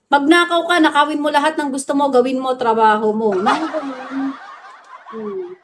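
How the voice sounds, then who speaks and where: A woman's voice: sits high, normal speed, slight background noise. A woman from the Philippines chatting on a phone livestream, answering viewer comments bluntly, scolding hecklers and laughing often. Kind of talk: casual livestream chat reading viewer comments. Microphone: phone livestream mic.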